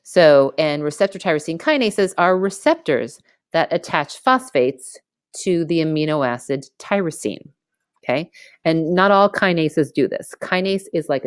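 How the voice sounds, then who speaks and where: A woman giving an informal screen-recorded lecture as a teacher, explaining step by step in casual, colloquial language and often checking in with a quick okay. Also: low voice, no echo, studio quality. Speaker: biology teacher. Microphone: close mic on a screen recording.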